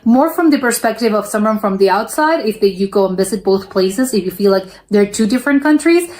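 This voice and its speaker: A woman's voice: mid-range voice, lively intonation, a little fast, a little mellow. An American woman hosting a reaction video, thinking aloud in casual commentary full of fillers and restarts. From United States.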